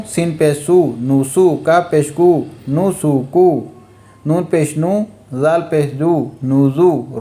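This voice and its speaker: A man teaching a Noorani Qaida lesson in Urdu, slowly repeating letter-and-vowel drills and briefly explaining in between. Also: fairly high pitch, warm tone. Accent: Pakistani Urdu. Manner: slow repetitive spelling drills, letter by letter. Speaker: Quran reading teacher.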